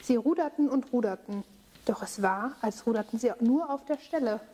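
Woman telling a bible story to kids, slow clear reading, bit high voice. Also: dark tone. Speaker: children's service leader. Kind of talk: storytelling for children.

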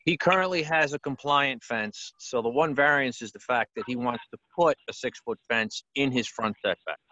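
A man serving as a town official, explaining and correcting a point in a measured way over a call. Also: medium pitch, sharp tone, muffled recording. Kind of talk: video call meeting.

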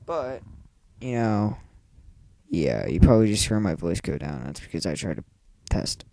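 A man's voice: low-pitched, big pitch swings, normal speed, vocal fry, darkish tone, no room sound. A thirteen-year-old boy rambling through casual live game commentary at home on a computer mic, with lots of ums and mumbled asides. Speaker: let's player. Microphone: computer mic, clipping when loud.

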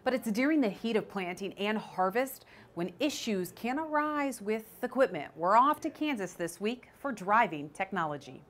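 A woman hosting a farm news show, reading scripted narration in a polished, measured reporter style. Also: mid-range voice, animated, a little hiss or hum. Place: TV studio.

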